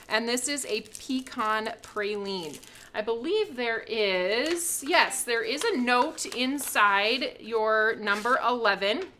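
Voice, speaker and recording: Bright, chatty woman hosting a craft reveal. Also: on the high side, a little hiss or hum. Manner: chatty, upbeat, laughs often. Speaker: craft shop host. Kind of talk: live product reveal and craft demo.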